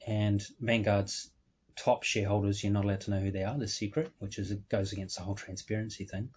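A man's voice: lowish voice, fairly even intonation, fairly quick, a little mellow, slightly rough, muffled recording. A man talking as a guest in an interview. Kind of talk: casual interview talk.

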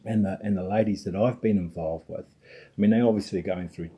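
A man's voice: low voice, fairly even intonation, a little fast, warm tone, slightly rough. A man in his sixties with a New Zealand accent, hosting a conversational interview and circling his way towards each question. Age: 60s. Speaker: show host.

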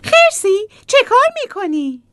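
A woman's voice: very high-pitched, sing-song, pushed and bright, no echo, heavily acted. A woman voicing a tiny curious bee. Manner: inquisitive, wide-eyed questions. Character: small curious young bee.

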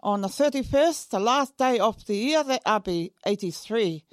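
A woman in her eighties from Samoa, telling stories of her life in a relaxed interview and often repeating herself. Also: a little high, normal speed, dry recording. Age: 80s. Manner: warm storytelling, repeats herself. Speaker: interview guest. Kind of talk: casual interview.

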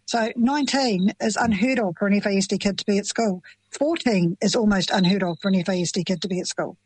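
A woman's voice: mid-range voice, fast, darkish tone, slightly rough, no echo, poor audio. A middle-aged woman with a New Zealand accent, speaking earnestly and passionately as a parent in an interview. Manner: earnest, impassioned, plain-spoken. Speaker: parent of children with FASD. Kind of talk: emotional interview answers.

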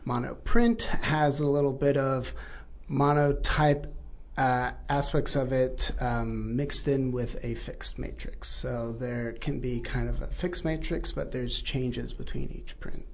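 Gravelly man explaining printmaking. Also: mid-range voice, fairly even intonation, takes it slowly. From born in New Zealand, raised in Texas. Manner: explanatory, many ums and uhs. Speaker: printmaking teacher, guest. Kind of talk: casual interview. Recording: muffled lo-fi recording.

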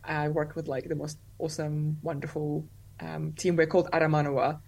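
A young Russian woman whose first language is Russian appears as an interview guest, speaking in a lowish, relaxed, gravelly voice at a moderate pace. She's loose and chatty, leans heavily on "like," and laughs easily.

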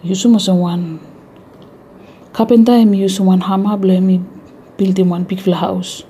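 A woman's voice: medium pitch, steady tone, a little slow, warm tone, a little hiss or hum. A woman with a Vanuatu accent hosting an informal educational radio talk in Melanesian pidgin mixed with English. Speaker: radio show host.

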